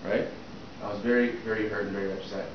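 Talking fast and flat in a lowish voice, a middle-aged soft skills trainer keeps quizzing his class during an interview-prep workshop, checking with "okay?" The setting is a small indoor classroom with a projector screen. Audio from a far camera at the back is distant, echoey, muffled and noisy.

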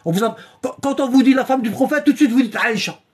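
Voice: sits high, fast, slightly rough. A religious teacher giving a live-streamed lecture, repeating points emphatically, checking in with the audience, and reading passages aloud from a book. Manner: repetitive and emphatic, with constant "hein?" checks; reads and shows passages from a book.

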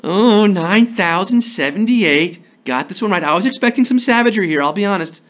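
A trivia game show host, hoarse-ish from a sore throat, runs an upbeat live quiz in a studio in front of a green screen. His voice sits high and fairly bright with lively intonation, and he's playful and jokey, slipping into quick impressions and sung bits.

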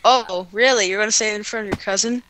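A woman's voice: medium pitch, fairly even intonation, quick pace, a bit bright. A woman playing along as a guest in casual gameplay chat, dry and sarcastic in her banter. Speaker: guest player. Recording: noisy home recording.

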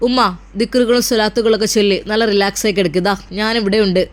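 A woman's voice: mid-range voice, steady tone, quick pace, lightly acted. A woman voicing a protective young husband and son who speaks firmly and reassuringly. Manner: firm, commanding, reassuring.

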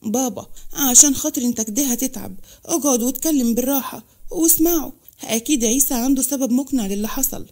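An anxious young sister with an Egyptian accent pleads quickly, as a woman narrator reads her. The voice is a little high and mellow, a fast storybook read.

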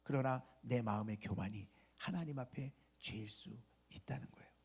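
A male pastor preaching at an early morning church service, asking the congregation rhetorical questions and dropping from loud emphasis to a soft whisper at the ends of phrases. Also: medium pitch, normal speed, husky. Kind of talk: sermon.

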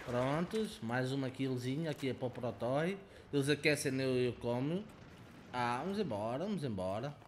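A young man with a European Portuguese accent giving excitable, profane commentary over his own gameplay, taunting other players. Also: mid-range voice, moderate pace, a little hiss or hum. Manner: excitable, swearing, taunting players, swings between shouting and muttering. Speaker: gaming channel host.

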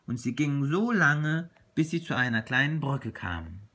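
A man reading a children's story aloud in an expressive, unhurried way. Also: medium pitch. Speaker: reader.

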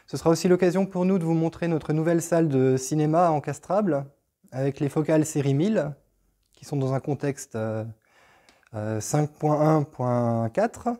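A man in his thirties speaks to a camera a few meters away in a stone-walled showroom. His voice sits a little high but sounds dark and mellow. He works through long brand lists with frequent pauses and "euh"s. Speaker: shop owner presenting an open house. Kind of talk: casual presentation to camera. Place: hi-fi showroom with stone walls, indoors.

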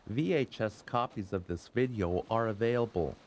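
A man reading scripted documentary narration in a measured, explanatory way. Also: fairly low pitch, slight background noise.

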